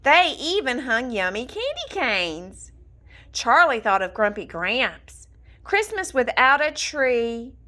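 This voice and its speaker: With a fairly high pitch, this storybook reader narrates a children's tale from a script, reading it aloud with careful, expressive delivery.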